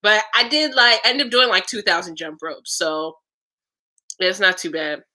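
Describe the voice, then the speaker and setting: A woman's voice: medium pitch, fairly even intonation, unhurried, pushed and bright. A young woman telling casual stories in a vlog, chatty and frank, swearing and laughing often. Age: young adult. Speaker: vlogger.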